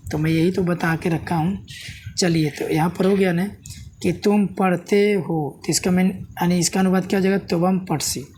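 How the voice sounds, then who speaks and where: A man's voice: high-pitched, fairly even intonation, moderate pace, darkish tone, a little hiss or hum. A man teaches a Sanskrit grammar lesson step by step. He keeps asking the viewer questions and checking "है ना?". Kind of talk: classroom-style video lesson.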